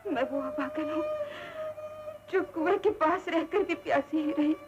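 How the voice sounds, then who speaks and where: A woman's voice: high-pitched, big pitch swings, a little slow, darkish tone. An actress playing a grief-stricken, humble maidservant who is a mother, speaking tearfully and pleadingly in a 1960s film. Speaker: servant woman Mangala. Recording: dull old film soundtrack with music.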